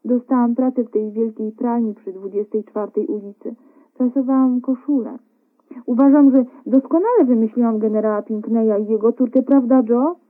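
A woman voicing a loving, stubborn young wife, bright and coaxing, on a narrow phone-like radio recording. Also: on the high side, steady tone, moderate pace, lightly acted. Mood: pleading.

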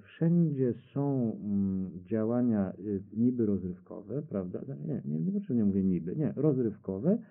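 A man's voice: fairly low pitch, animated, measured pace, creaky, hardly any pauses. A man talking about his radio cabaret show in front of an audience, rambling and hesitant, often correcting himself. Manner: rambling, hesitant, self-correcting, reads quotes aloud. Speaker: radio cabaret creator answering questions. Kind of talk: unscripted public talk with audience questions. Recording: tinny lo-fi archive radio recording.

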